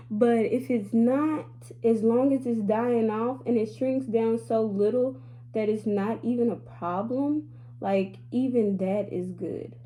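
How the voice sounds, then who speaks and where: In this poor-quality clip, a beauty vlogger in her late twenties speaks candidly to her viewers in a casual vlog, calling them y'all. Her voice sits fairly high and comes out slow and warm, with a chatty, sassy edge.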